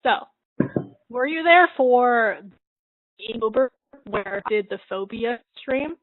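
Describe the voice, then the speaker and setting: A woman's voice: a little high, expressive, slow pace, dry recording. A woman hosting a drawing livestream, chatting casually and laughing often as she works. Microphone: computer mic she adjusts. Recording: narrow phone-like sound.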